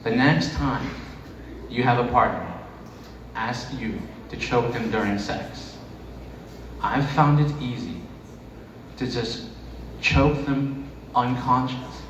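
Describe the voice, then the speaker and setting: A man's voice: mid-range voice, slow pace, long pauses. A man performing a stand-up comedy set in a conversational, profane way. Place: echoey room with live audience. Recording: echoey noisy room, distant mic.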